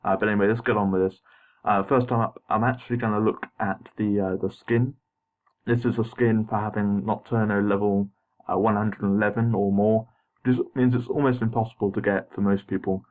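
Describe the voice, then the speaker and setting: A phone-like, narrow recording of a young man with a lowish voice. He talks with braces in, so his words are a little unclear. He gives casual, hesitant commentary over gameplay and tends to apologise as he goes. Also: steady tone, brisk. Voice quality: slightly muffled articulation from wearing braces. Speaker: gameplay video narrator. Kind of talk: casual unscripted gaming commentary. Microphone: voice-over recorded over game footage. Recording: muffled phone-like home voice-over.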